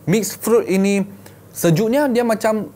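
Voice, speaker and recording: A man's voice: sits high, unhurried, warm tone, a little hiss or hum. A man in his thirties with a Malaysian accent, reviewing products in a casual, colloquial vlog style, often repeating himself and addressing viewers as friends. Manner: colloquial, repeats phrases, talks to viewers as 'guys' and 'gang'. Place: small indoor room set up as a gaming studio.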